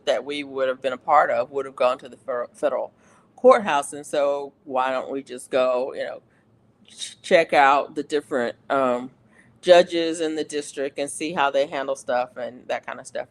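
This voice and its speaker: Livestream host, casual chat, rambling, lots of restarts and fillers, mid-pitched voice. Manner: gets animated when venting.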